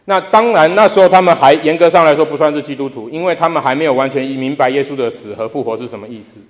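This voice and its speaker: A man's voice: on the high side, quick pace. Male pastor preaching in a reverberant hall. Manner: rhetorical questions to the congregation; emphatic repetition. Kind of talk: sermon. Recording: long reverb of a large hall.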